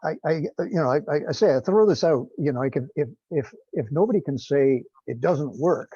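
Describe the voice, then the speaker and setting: A slightly high, lively male voice, fairly quick and mellow with a breathy edge, comes through with no room sound. He is a non-scientist project participant speaking informally on a group technical teleconference, hesitant, rambling and self-deprecating. The call audio is dull, lo-fi and dry.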